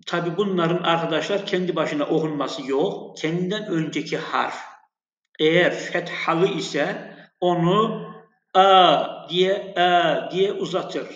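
A man teaching an Arabic lesson, slowly and patiently spelling out letters and vowel sounds for his students. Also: on the high side, a bit bright. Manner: slow, patient, repeats sounds and addresses students as friends. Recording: echoey, dull lo-fi room sound.

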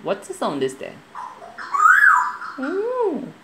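A woman coaxing her parrot to talk, repeating short prompts slowly. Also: sits low, sing-song. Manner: slow, repetitive prompting. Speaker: pet owner. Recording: loud background noise, home video.

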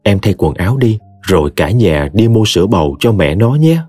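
A man voicing a gentle young husband comforting his wife in an audio story. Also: on the low side, animated, moderate pace, dry recording, faint music behind. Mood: tender. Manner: soft, comforting.

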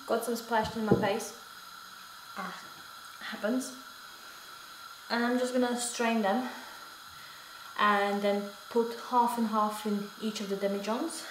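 A woman's voice: a little high, fairly even intonation, slow, long pauses, noisy background. A young woman vlogging casually from her home kitchen, chatting as she works and correcting herself along the way. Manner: chatty, self-correcting, talks while working. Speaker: homestead vlogger. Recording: echoey kitchen with dish clatter.

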